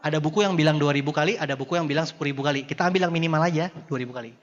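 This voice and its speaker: A man's voice: fairly high pitch, very fast. A man giving a motivational seminar talk to an audience in a style, playful and teasing, with mock dialogues and rhetorical questions. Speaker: motivational speaker. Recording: dull echoey hall sound.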